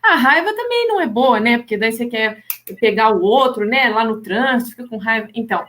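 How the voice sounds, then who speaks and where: A woman, a hypnotherapist in a casual live chat, explaining lively and acting out what people say. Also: a little fast. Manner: animated, acts out imagined people's lines with pitch jumps.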